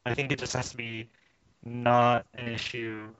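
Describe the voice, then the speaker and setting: A man's voice: mid-range voice, monotone, a little slow, a bit bright, a little hiss or hum. Man, podcast co-host, teasing and argumentative, mid voice, dry dull mic. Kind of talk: casual gaming podcast chat.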